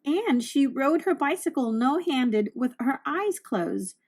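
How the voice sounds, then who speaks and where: A woman with a high voice reads a children's storybook aloud, narrating with deliberate, expressive phrasing meant for young listeners.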